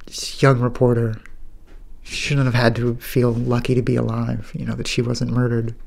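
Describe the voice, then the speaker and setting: A man, a newspaper photographer, speaking haltingly and emotionally in an interview, searching for words. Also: mid-range voice, flat delivery, vocal fry, darkish tone. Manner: halting, searching, with fillers and restarts.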